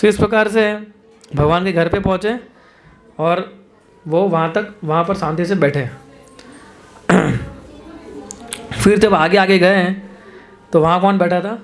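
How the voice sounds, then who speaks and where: Brief: a high-pitched male preacher narrating a sacred tale, verse recitations and frequent laughter. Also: slow pace, pauses often, soft background music. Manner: chants verses, laughs often, rhetorical asides. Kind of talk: devotional storytelling sermon.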